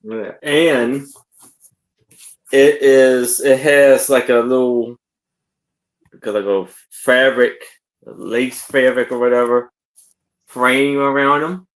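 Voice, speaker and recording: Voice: mid-range voice, little pitch movement, slow, long pauses. A speaker describing items on a casual live sale, stumbling and hesitating over words.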